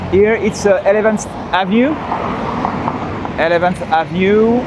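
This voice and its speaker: Heavy traffic and street noise fill the background as a walking tour livestream host from France strolls through the city. His voice is high and his pace measured, and he chats casually in a French accent, repeating himself and dropping "you know" asides.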